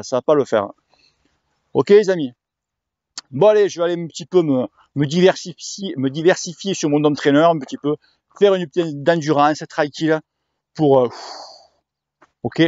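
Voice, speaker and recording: A man rants to his cycling viewers in a crude, slangy, rambling way. His voice sits a little high. The recording is dry and slightly dull. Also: darkish tone, no echo. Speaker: cycling vlogger. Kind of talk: casual rant to viewers.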